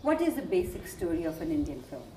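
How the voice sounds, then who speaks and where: A woman interviewer asking probing questions with quick follow-ups. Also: fairly low pitch, sing-song, warm tone, roomy sound, a little hiss or hum.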